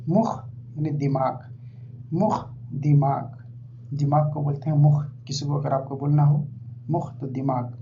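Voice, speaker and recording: A man giving an informal vocabulary lesson, repeating each word slowly several times. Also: on the high side, dark tone. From India. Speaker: language teacher. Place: living abroad in Saudi Arabia. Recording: dull lo-fi recording with faint hum.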